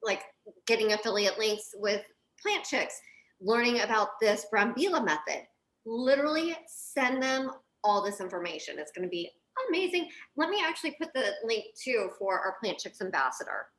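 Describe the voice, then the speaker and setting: Female co-host, fairly high voice, echoey, emphatic and enthusiastic casual promo. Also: animated, moderate pace, a bit bright. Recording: echoey room sound.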